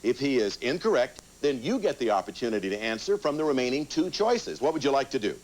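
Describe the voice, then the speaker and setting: A man's voice: medium pitch, very animated, fast talker, poor audio. A man hosting a game show, talking conversationally to contestants and reading out questions. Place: television game show studio with audience. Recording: TV studio sound with audience noise.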